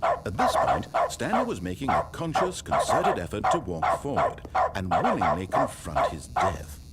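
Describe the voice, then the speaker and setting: A man voicing a detached, wry game narrator in measured scripted narration, low and very lively in pitch. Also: very noisy. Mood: calm, ominous. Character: wry omniscient male narrator, detached and ominous.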